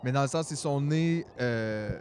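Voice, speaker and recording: A man's voice: mid-range voice, a little slow, a little mellow, slight background noise. A Québécois man in his forties, a podcast co-host telling a long story in an earnest, rambling way in casual chat. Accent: Québécois French. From Quebec, Canada. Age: 40s.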